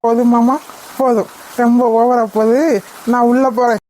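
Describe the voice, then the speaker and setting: A woman voicing family members in a cartoon, talking in lively banter. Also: a little high, normal speed, slight background noise. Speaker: cartoon voice-over artist. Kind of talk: cartoon voice acting.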